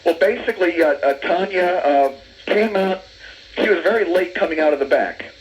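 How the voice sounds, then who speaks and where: A man's voice: high-pitched, expressive, moderate pace, rough recording. A man calling in to a radio show over the phone, giving a casual eyewitness account step by step with frequent fillers. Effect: heard over the phone. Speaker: radio call-in caller.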